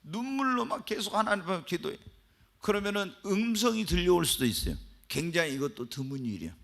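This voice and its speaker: Male pastor, fairly high voice, lively sermon delivery that rises and falls and quizzes the flock. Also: fairly quick, gravelly. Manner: animated preaching, asks the congregation questions and swings between hushed and loud. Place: church.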